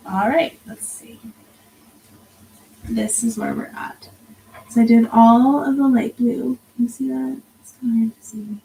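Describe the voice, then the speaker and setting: A woman's voice: a little high, fairly even intonation, a little slow, gravelly, pauses often, dark tone, low-quality recording. Tired woman in her 30s chatting while she stitches, mumbles half-whispered counts, faint hum behind her. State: tired, yawning. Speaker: crafting vlogger. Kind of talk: casual chat while stitching.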